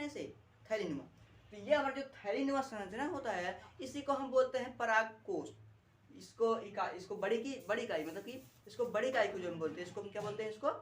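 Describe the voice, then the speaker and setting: A woman teaching a biology lesson, repeating key terms and asking rhetorical questions as she explains a diagram. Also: a little high. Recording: echoey room.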